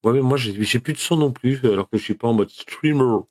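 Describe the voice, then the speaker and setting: A man's voice: medium pitch, a little fast, a little mellow. A man co-hosting a live stream, giving short, offhand, laid-back replies in casual chat.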